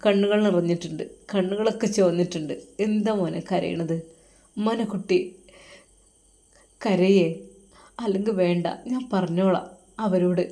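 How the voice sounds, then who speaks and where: A woman's voice: mid-range voice, mellow, natural voice. A woman voicing an older mother who talks to her grown son in a tender, coaxing, motherly way.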